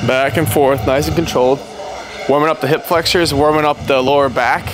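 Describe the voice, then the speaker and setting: A man talking casually to the camera as a powerlifting vlogger, in between lifting weights and warming up. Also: a little high, steady tone, brisk, noisy background. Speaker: powerlifter vlogging meet prep. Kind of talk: casual training vlog talk to camera.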